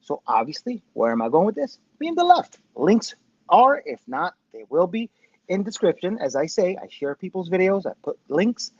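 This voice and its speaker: A man's voice: sits high, sing-song, normal speed, darkish tone, breathy edge, no echo. A man in his fifties hosting a casual livestream, rambling, self-deprecating and profane, with dull, tinny sound from a Bluetooth headset. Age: 50s. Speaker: host of a commentary show. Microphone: Bluetooth headphones' microphone.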